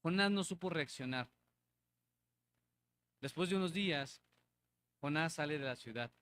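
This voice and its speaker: A man's voice: on the high side, lively intonation, measured pace, fairly bright tone, clear, resonant tone. A man preaching a conversational sermon in a church, repeating phrases and checking in with the congregation. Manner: conversational, asks the congregation for agreement. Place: church hall.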